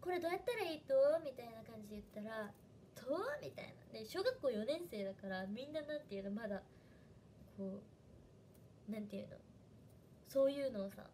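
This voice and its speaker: A woman's voice: a little high, expressive, a little fast, long pauses, darkish tone, slight background noise. A young woman with a Hiroshima dialect, chatting casually on a livestream and thanking viewers by name. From Fukuoka, Japan. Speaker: idol trainee livestreamer.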